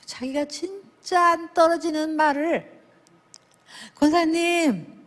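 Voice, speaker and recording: A woman speaking at a church service, telling lively stories and acting out the people in them with big swings in her voice. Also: moderate pace. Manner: animated, acts out dialogue with big pitch swings. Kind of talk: lively sermon storytelling with acted quotes. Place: church sanctuary. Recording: long reverb of a church hall.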